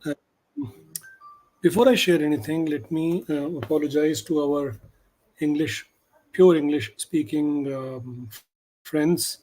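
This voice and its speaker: A stock options trader with an Indian accent, a native Hindi speaker, gives emphatic market commentary, switching between English and Hindi. His voice is a little high and darkish, steady in tone, and he speaks slowly with long pauses. The audio quality is poor.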